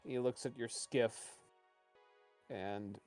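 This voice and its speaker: A man's voice: medium pitch, fairly even intonation, slow, a little mellow, no room sound. Guy running a tabletop rpg, takes his time, casual, faint music behind. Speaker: game master. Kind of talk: casual tabletop game narration.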